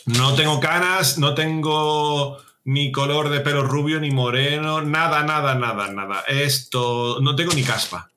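A man's voice: fairly high pitch, measured pace, hardly any pauses, pushed and bright. A man, a guest co-player in a casual gameplay chat, full of jokey banter.

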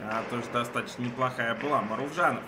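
A man's voice: medium pitch, fairly even intonation, fast. A man giving live play-by-play ice hockey commentary in short, clipped phrases. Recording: noisy ice rink broadcast.

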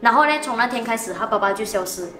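说话很快的高音女人. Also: female voice, a little high, quick pace, reverberant, faint music behind. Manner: animated, dramatic retelling of a ghost story. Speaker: co-host. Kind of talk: casual storytelling chat.

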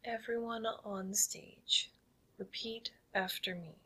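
Woman as a husky whispering stage hypnotist. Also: medium pitch, steady tone, exaggerated voice. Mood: playful. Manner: soft whispery commands, slow and soothing. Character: commanding female stage hypnotist, playful zombie queen. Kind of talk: ASMR hypnosis roleplay.

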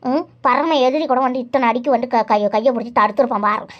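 A high-pitched, nagging old mother-in-law, played by a woman in a cartoon, grumbling and sarcastic at every turn. The recording is dull and lo-fi. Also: fast talker, close to an everyday voice. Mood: scolding. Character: scolding elderly mother-in-law, bitter and quarrelsome. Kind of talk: cartoon voice acting.

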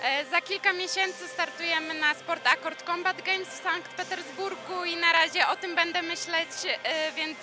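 A woman athlete giving composed, measured answers in a post-event interview. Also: very high voice, steady tone. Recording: music behind.

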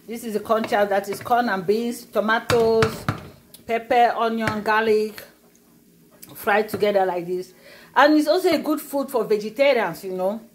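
Filming herself on a phone in her home kitchen, a middle-aged cooking vlogger talks through the recipe step by step in a chatty way full of fillers. She speaks at normal speed in a voice on the high side, against a noisy background.

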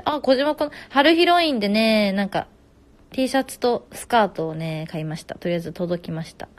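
A woman in her twenties runs a casual live stream from home on her phone, speaking in a mid-range voice. She reads viewers' comments out loud and fires back quick answers.

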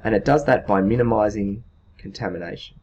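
A man's voice: fairly low pitch, a little fast, darkish tone. A man in his thirties giving an informal, unscripted lesson, explaining step by step like a teacher. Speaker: chemistry teacher, video host. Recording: muffled sound with clear background noise.

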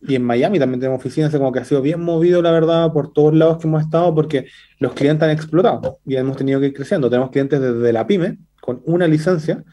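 On a video call from an indoor room, a Chilean man guesting as a startup CEO in a business interview talks fast, with a dark tone and a Chilean Spanish accent. His fluent speech is packed with fillers like "entonces" and "eh".

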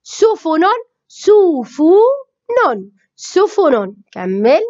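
A woman with a Libyan Arabic accent, teaching a children's phonics lesson with slow, drawn-out syllables, saying each sound twice. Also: very high-pitched, big pitch swings, dark tone, dry recording. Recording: dull lo-fi recording.

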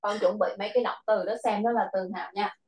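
A woman with a Vietnamese accent tutoring a child in English online, patient and repeating words slowly. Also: mid-range voice, fairly even intonation.

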